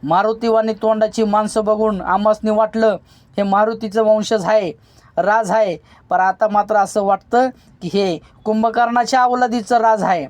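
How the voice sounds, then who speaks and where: A reader voicing a defiant young male village leader, speaking forcefully and with command. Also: mid-range voice, steady tone, moderate pace, dry recording, close to an everyday voice. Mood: resolute. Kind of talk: storybook reading.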